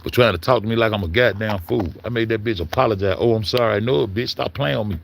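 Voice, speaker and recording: A commentator with a lowish, fast, gravelly male voice launches into a heated, profanity-laced rant, stumbling and repeating himself as he pushes his argument. The audio carries a slight hiss or hum.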